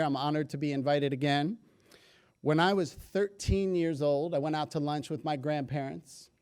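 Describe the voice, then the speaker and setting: A man giving a public talk to an audience, telling stories with jokes in an energetic way. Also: fairly high pitch, clear, resonant tone. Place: lecture hall.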